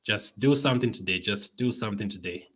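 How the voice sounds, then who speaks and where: A man's voice: fairly low pitch, fairly quick, fairly bright tone, breathy edge. A man hosting a live football watch-along, anxiously pleading and reacting to a penalty shootout. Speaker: football fan channel host.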